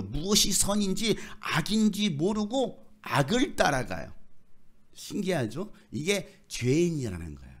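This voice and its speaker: A man preaching a sermon as pastor of his church, colloquial and animated, firing rhetorical questions at the congregation and playfully acting out quotes and voices. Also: mid-range voice. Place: church sanctuary.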